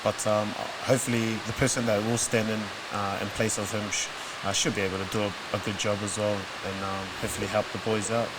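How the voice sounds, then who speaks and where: A man discussing sport casually as a show panelist, phrasing his points in a halting way. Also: fairly low pitch, little pitch movement. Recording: clearly hissy, noisy stream audio.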